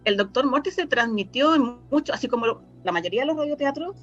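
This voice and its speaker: Quick-paced and animated, with a voice that sits high, a Chilean scriptwriter and radio drama researcher fields interview questions conversationally while stumbling for words and repeating herself often. The recording is dull and lo-fi, with faint background music.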